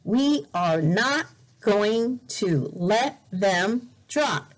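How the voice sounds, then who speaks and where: A teacher with a mid-range voice gives a picture-book reading for young learners from her desk indoors. She reads deliberately and expressively, taking care to repeat words.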